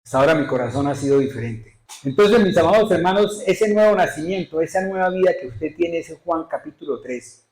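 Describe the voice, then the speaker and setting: A man's voice: a little high, animated, brisk, darkish tone, roomy sound, poor audio. A male pastor preaching a sermon emphatically, often putting rhetorical questions to his congregation. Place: church.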